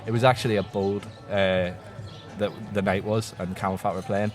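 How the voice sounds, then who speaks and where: A young Irish man with a lowish voice tells a long, rambling story, and he jumps into lively quoted voices as he goes. It is casual podcast chat, with music playing clearly behind him. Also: moderate pace. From Ireland. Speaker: guest.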